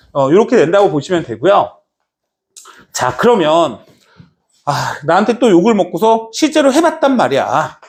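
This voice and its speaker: A man teaching a math class, lively and chatty, acting out little scenes and often asking if students follow. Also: sits high. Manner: lively, acts out little scenes and keeps checking understanding. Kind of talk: classroom lecture.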